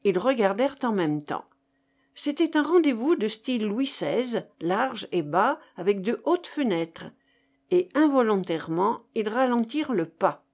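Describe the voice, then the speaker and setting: Slow, measured woman reading a novel. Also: on the high side. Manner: measured, expressive. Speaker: narrator. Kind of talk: audiobook reading of classic fiction.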